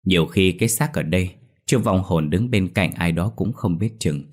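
A man narrating a ghost story in a slow, solemn storytelling manner. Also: sits low.

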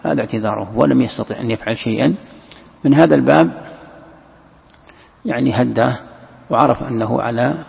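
A male scholar explains a text in a lesson and often repeats words for emphasis. His voice is heavily gravelly and very husky. The dull, lo-fi recording carries a long reverb from the hall. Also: medium pitch, a little fast, pauses often. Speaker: Islamic scholar teaching Quran commentary. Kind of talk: classroom commentary lesson.

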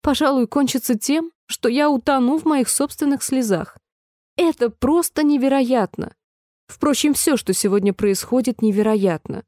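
A woman's voice: high-pitched, moderate pace, mellow, no room sound, studio quality, voice pushed up, lightly acted. A woman voicing a polite, chatty, fretful little girl in a storybook reading, sounding eager and apologetic.

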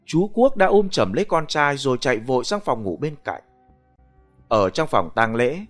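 A man narrating a ghost story in an expressive, scripted storytelling manner. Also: medium pitch. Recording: faint background music.

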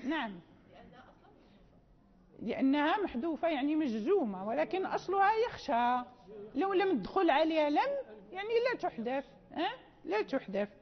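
High-voiced woman teaching in an echoing hall. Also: sing-song. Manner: checks in with listeners often, drawing out quoted verses slowly. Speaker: teacher of Quran recitation. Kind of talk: classroom lesson on recitation rules. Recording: dull lo-fi audio with long hall reverb.

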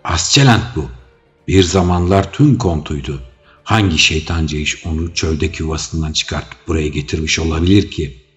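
A man voicing a gruff male commander of palace soldiers who gives blunt, barking orders. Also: very deep voice, moderate pace. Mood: grim. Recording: dull audio with faint music.

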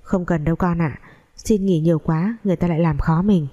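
A woman voicing a calm old father with a husky voice. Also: lowish voice, a little fast, highs cut off, natural voice. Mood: reassuring.

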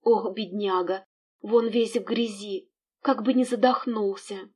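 Woman voicing a fussy emotional gentlewoman. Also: medium pitch, fairly even intonation, measured pace, husky. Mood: urgent. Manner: emotional, bossy toward servant. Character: fussy caring young gentlewoman, scolding then tearful.

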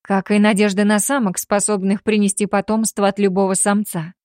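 A defiant young captive woman, as a female narrator voices her, speaking quietly and steadily with a resigned edge. The storybook reading sounds dry and close-miked. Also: medium pitch, flat delivery, a little fast, dry recording, natural voice. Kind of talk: audiobook character voice.

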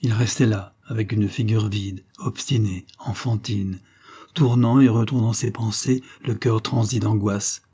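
A male audiobook narrator reading a literary short story. His voice is low and dark with a husky grain, and his reading is measured and even.

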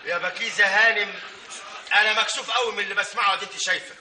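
A scheming young suitor speaks earnestly in this old comic stage play, played by a man. His voice is high and bright, rushed. The old stage recording is distant and echoing. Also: steady tone, background noise, lightly acted.

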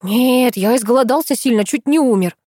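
A woman narrator voices a plump, shabby middle-aged man, meek and whiny, squeaking out excuses and mumbling about food. The reading is dry and close to the mic. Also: fairly quick, mellow, no echo, natural voice. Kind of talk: audiobook dialogue reading.

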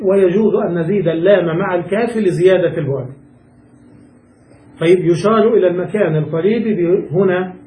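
A man teaching Arabic grammar in a lecture, explaining slowly and stopping to check that his students follow. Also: sits high, dark tone, distant mic. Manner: explains slowly, quotes verses and checks understanding. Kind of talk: classroom lecture. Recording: echoey room, voice from afar.

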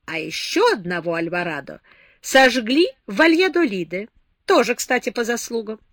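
A woman's voice: fairly high pitch, sing-song, normal speed, a bit bright, dry recording, studio quality. A woman voicing a capricious, tipsy young woman in an audiobook, whimsical and dreamy. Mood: playful. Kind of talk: audiobook character reading.

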